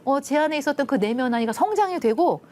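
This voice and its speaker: Animated Korean woman lecturer, lively pitch. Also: quick pace. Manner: animated storytelling, acts out quoted lines; drops to soft hushed tones at tender moments. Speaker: lecturer, love institute director. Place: TV studio.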